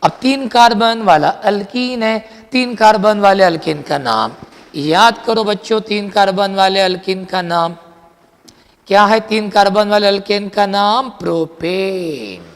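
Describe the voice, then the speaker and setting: High-voiced chatty chemistry teacher. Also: male voice, slow pace, in a large hall. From India. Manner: lively, chatty, mixes Hindi with English terms, quizzes students. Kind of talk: classroom lecture.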